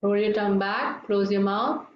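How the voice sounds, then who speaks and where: Female yoga instructor, soft soothing unhurried delivery, guided breathing; roomy, slightly muffled recording. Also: medium pitch, fairly even intonation. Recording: echoey room, dull lo-fi, faint noise.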